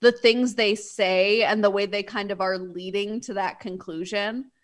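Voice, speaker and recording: A young woman in casual conversation about a movie, animated and often acting out characters' lines in exaggerated voices. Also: mid-range voice, measured pace.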